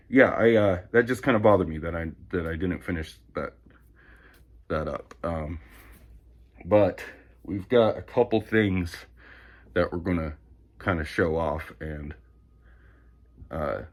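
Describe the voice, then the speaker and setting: Deep-voiced man for a home vlog; chatty, rambling, pokes fun at himself. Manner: rambling, self-deprecating, chatty. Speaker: vlogger. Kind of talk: casual show and tell. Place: indoors at home.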